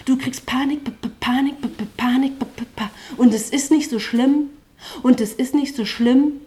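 A woman's voice: high voice, fairly even intonation, normal speed, mellow. A woman performing spoken-word poetry on a live stage without a microphone, with rhythmic delivery and stuttering, chant-like refrains.

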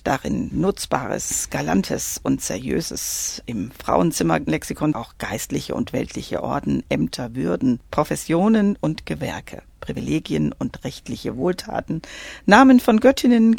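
Woman host on local radio, super creaky, bouncy pitch, dry studio sound. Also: a little mellow, no room sound. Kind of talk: radio announcement.

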